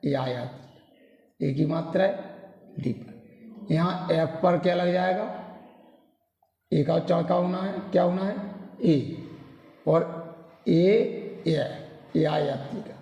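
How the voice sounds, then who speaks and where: A man's voice: high-pitched, mellow, highs cut off. A man teaching a classroom-style pronunciation lesson, repeating himself and often checking in with tag questions. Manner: repetitive, drilling, frequent tag questions. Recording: roomy hall echo.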